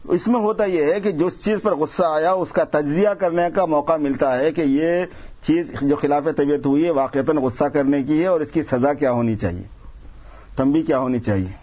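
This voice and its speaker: Man preaching, slightly high voice, lo-fi. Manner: explanatory, repeats phrases for emphasis, quotes Arabic sayings. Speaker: religious preacher. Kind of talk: sermon.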